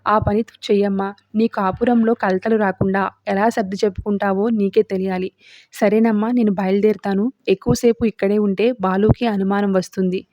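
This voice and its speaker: A woman's voice: medium pitch, level tone, fairly quick, dry recording, natural voice. A woman reading as a frail, worried old grandmother. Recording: dull dry lo-fi recording.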